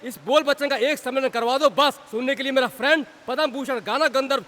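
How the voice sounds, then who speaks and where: An actor dubbing a boastful, blustering village singer in a film. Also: male voice, very high voice, steady tone, brisk, sharp tone, long reverb tail. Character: boastful small-time village singer, male adult.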